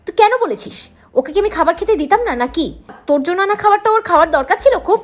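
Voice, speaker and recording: A woman voicing a sharp-tongued, resentful middle-aged mother who scolds her son and daughter-in-law in a retold serial. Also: extremely high pitch, lively intonation, rapid-fire, voice pushed up. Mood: scolding. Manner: scolding, indignant.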